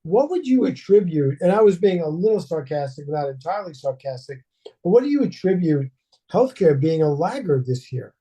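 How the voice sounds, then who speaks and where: A man's voice: fairly high pitch, very animated, moderate pace, mellow, breathy edge. A man co-hosting a casual market discussion, asking questions with wry asides. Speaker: co-host, financial advisor.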